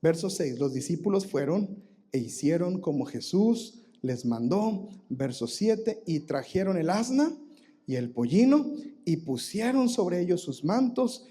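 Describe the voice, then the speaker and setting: A man with a Mexican Spanish accent preaches a live sermon in church. His voice sits a touch high yet sounds dark and mellow. He is animated, calling the congregation to read verses aloud with him. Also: measured pace, breathy edge. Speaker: pastor. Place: church sanctuary.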